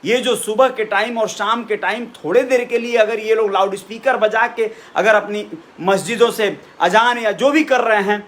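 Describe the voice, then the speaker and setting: A middle-aged man with a very high, somewhat bright voice gives viewers an informal, earnest opinion monologue. He's a vlogger sharing his views and repeats phrases for emphasis.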